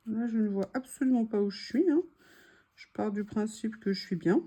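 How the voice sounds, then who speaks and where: A woman's voice: on the high side, moderate pace, mellow, breathy edge. A woman chatting casually while she crafts, thinking aloud and sometimes dropping to a murmur. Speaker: crafting vlogger.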